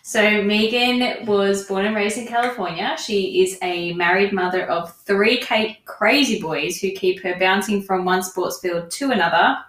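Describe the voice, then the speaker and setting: A woman co-hosts a casual book review podcast. Her pitch is average for a woman, and the room around her voice is noticeably echoey. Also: unhurried, hardly any pauses, a bit bright. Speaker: podcast co-host.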